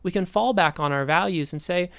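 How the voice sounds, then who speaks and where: Speaking briskly in a high-sitting, fairly bright voice, an Appalachian man from East Tennessee in his thirties delivers a recorded online sociology lecture. Despite his roots, his accent is Midwestern American. He's chatty and eager, full of questions for the listener, and the recording is dry.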